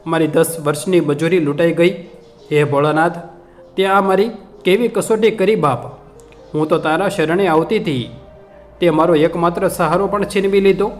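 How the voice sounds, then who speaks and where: A grieving old pilgrim woman wails and pleads, her voice lifted fairly high, as a man reading the story takes her part. Soft music plays under the story. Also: steady tone, moderate pace, natural voice. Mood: wailing. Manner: wailing, pleading.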